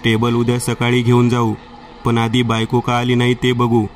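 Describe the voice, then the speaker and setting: A man's voice: medium pitch, completely flat delivery, moderate pace, distant mic, a little hiss or hum, close to an everyday voice. A man voicing an anxious village father who worries aloud and talks to himself. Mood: worried.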